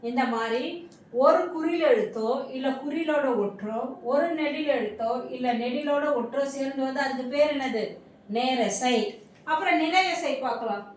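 High-voiced woman teaching in an echoey room. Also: a little slow. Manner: repetitive, quizzing questions then answering them. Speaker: Tamil grammar teacher. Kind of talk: classroom lesson. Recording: echoey room, mic far off.

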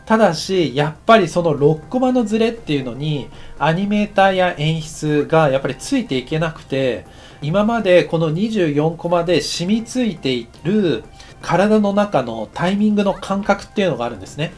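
Speaking at normal speed, a man who directs anime walks students through material on a shared screen as part of a course. He's easygoing and talkative, full of filler words, and his delivery swings up and down in lively pitch.

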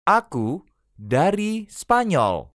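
Slow, lively phrase-drill reader. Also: medium pitch, no room sound, clean studio sound. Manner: slow, careful, each phrase repeated three times. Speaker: language teacher.

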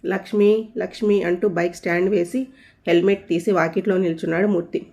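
A woman storyteller narrating a story with lively, playful storytelling. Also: lowish voice, fast. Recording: dull lo-fi audio.

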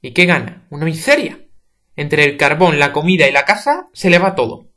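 A man's voice: on the high side, sing-song, normal speed, bright, forceful tone. A man with a Spain Spanish accent reading the part of an outspoken, gossiping middle-aged neighbor woman in a play audiobook. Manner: blunt, nosy, gossiping.

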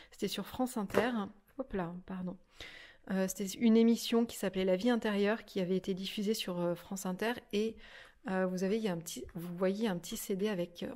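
A woman's voice: mid-range voice, darkish tone. A woman in her thirties chatting casually at home, hesitant, with many fillers and restarts. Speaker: vlogger reviewing books. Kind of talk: casual chat.

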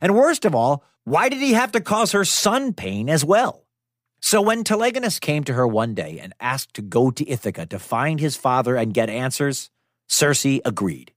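A storyteller and podcast host, this man narrates a scripted children's myth in a dramatic yet conversational style. His voice is slightly high, and the dry studio recording has music playing behind him.

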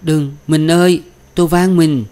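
A man's voice: a little fast, darkish tone, close to an everyday voice. A man reading an audiobook, voicing a tender, frightened young village woman in a raised, pleading tone. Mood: tearful. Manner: pleading, tearful, higher voice.

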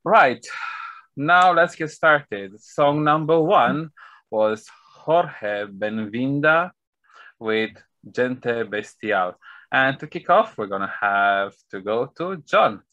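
A man in his thirties hosts a panel review over a video call from a home room with shelves, reading the running order and tripping over foreign names. His medium-pitched voice is slow with lively intonation, pushed and bright, picked up by a webcam with no echo and a muffled sound.

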